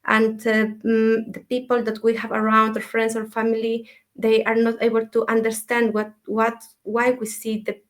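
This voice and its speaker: Soft-spoken woman from Ecuador, flat tone. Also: a little high, moderate pace, hardly any pauses. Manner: soft-spoken, thoughtful, many fillers. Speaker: dream mentor, guest. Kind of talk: casual interview talk.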